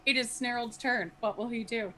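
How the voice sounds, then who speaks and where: Casting: female game master, fairly high voice, casual explanations of turns, rules and scenes. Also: moderate pace, a crowd in the background. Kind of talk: casual tabletop game refereeing.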